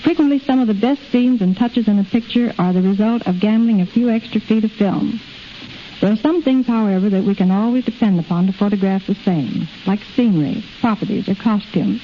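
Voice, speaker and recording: This 1930s radio interview, muffled and hissy, features a middle-aged woman guest, a film editor, reading from a script. Her pitch is medium and her pace a little fast.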